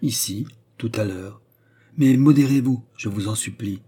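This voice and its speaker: Discreet calm manservant, read by a man, hushed, husky, low. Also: moderate pace. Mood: cautious.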